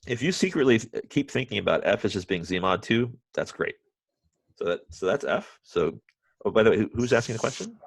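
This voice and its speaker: A man teaching a university math class remotely, halting often with restarts and fillers, and dropping wry, self-mocking asides. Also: on the low side, lively intonation, vocal fry, slightly rough, dry recording. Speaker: math professor.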